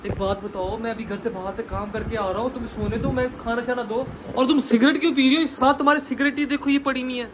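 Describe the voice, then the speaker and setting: A young man, loudly accusing and scolding during a prank at home. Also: very high voice, steady tone, quick pace, hardly any pauses, background noise. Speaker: vlogger, husband in a prank. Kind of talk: prank vlog confrontation. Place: home bedroom, indoors.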